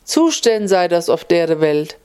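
A woman's voice: on the low side, sing-song, slow pace, dark tone, clean tone. A woman voicing a kind-hearted old woman who lives alone in the woods, speaking homely, sighing Upper Hessian dialect.

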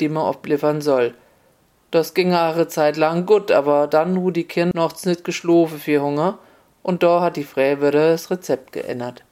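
A comic folk tale is narrated by a storyteller with a relaxed, wry manner, speaking at a middling pitch and an unhurried, even pace.

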